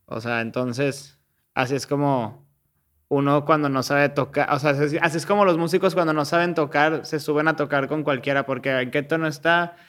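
A man's voice: a little high, fairly even intonation, moderate pace, fairly bright tone. A man, casually explaining music theory step by step on a podcast, slangy and full of restarts.

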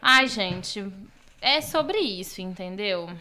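A woman playing a live-streamed quiz game, excitable and nervous, often laughing. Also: mid-range voice, takes it slowly. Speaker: quiz contestant.

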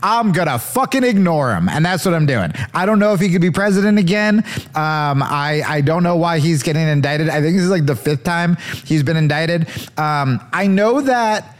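A man's voice: a little high, moderate pace. A man hosting a podcast, rambling through a profane, jokey comedic monologue and slipping into mock voices. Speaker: podcast host.

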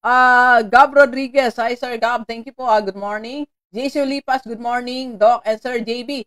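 A Filipino woman hosting a live-streamed motivational talk, chatty and animated, laughing often and greeting viewers by name. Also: a little high, normal speed. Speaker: motivational host.

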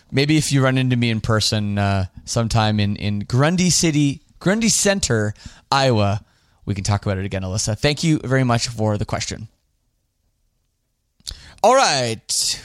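A Canadian podcast host chats casually through listener questions, relaxed and rambling, with fillers, restarts and frequent backtracking. His mid-range voice is smooth and resonant, and the sound is close and dry with no echo or room around it.

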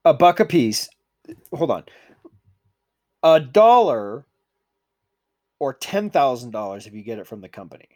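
A man's voice: medium pitch, very animated, a little slow, pauses often, a little mellow. A man co-hosting a podcast, ranting in casual profane chat and swearing freely. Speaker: podcast co-host.

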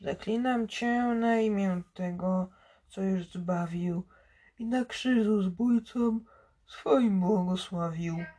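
A grave old priest speaks in unhurried verse, as the reader puts him on. The voice is dark and mellow, the delivery measured, with occasional stumbles over the words. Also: medium pitch. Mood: solemn. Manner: slow measured recitation with stumbles. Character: aging male priest making a confession.

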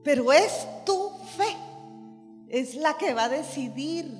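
Woman preacher, emphatic and repetitive, slow delivery in an echoing hall. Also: high-pitched, animated. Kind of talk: sermon. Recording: reverberant hall with faint music.

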